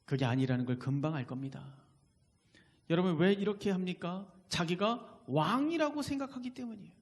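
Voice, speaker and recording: A man's voice: high-pitched, lively intonation, normal speed. A man preaching a sermon as pastor in a church, emphatic and often putting questions to the congregation. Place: church sanctuary. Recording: long reverb in a church hall.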